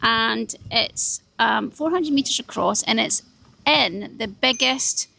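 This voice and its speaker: A woman from the UK hosting a travel vlog, talking in a chatty, wry and animated way. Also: a little high, slow, gravelly, a little hiss or hum. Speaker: travel vlogger. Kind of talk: casual travel vlog chat.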